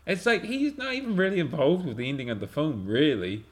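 A man co-hosts a podcast and mocks a film in casual chat. His voice sits a little high, and he is dry and sarcastic. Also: lively intonation, brisk. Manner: dry, sarcastic, laughing asides. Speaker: podcast co-host. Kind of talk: casual movie review chat.

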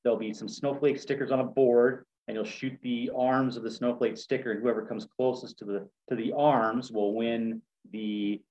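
A man's voice: medium pitch, steady tone, normal speed, few pauses, a little mellow. Easygoing man, slightly dull audio. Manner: easygoing, laughs while talking. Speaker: shooting match organizer. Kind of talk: casual chat.

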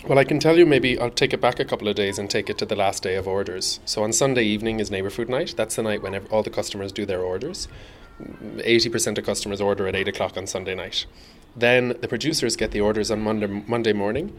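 A man's voice: on the low side, fast talker, slight background noise. A man explaining things as an interviewee. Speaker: food business founder interviewed.

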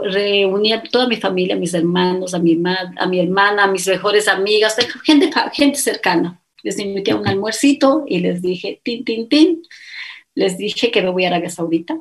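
A middle-aged woman telling her own story in a conversational interview, pausing on "eh" and restarting words. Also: mid-range voice.

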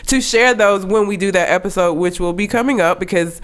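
Lady on a podcast, stuffed up and froggy, mid pitch, chatty and blunt. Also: a little fast. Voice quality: froggy, congested. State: stuffed-up, under the weather. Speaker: podcast co-host. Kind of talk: casual podcast chat.

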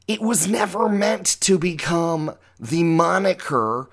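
A man's voice: fairly high pitch, lively intonation, slow pace, fairly bright tone. A middle-aged man hosting a podcast as a drag queen, giving a rambling, tangential, profane monologue. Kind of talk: opinionated monologue.

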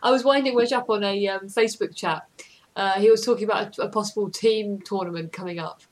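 Female guest, mid pitch, teasing and giggly. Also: a little fast, rough recording. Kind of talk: casual chat.

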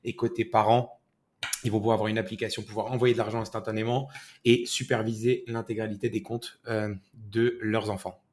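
Flat-toned founder explaining his startup. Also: fairly low pitch, fairly quick. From half American. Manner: steady and explanatory, with many English loanwords. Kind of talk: interview answers.

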